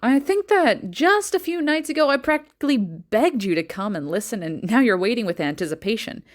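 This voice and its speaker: A woman voicing a kindly old grandfather who gently tells bedtime stories. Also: fairly high pitch, big pitch swings, fairly quick. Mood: warm. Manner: gentle, fond storytelling.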